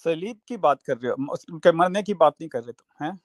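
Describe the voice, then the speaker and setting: High-voiced defensive male debater. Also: lively intonation, dry recording, studio quality. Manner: defensive, halting, mixes in English phrases. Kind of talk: heated debate.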